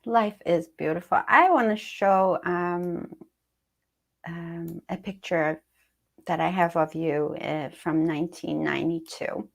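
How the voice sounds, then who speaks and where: Woman host on a live video talk show, talks slow, raspy fry in her voice, lots of ums. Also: lowish voice, steady tone. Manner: warm and encouraging, with many fillers.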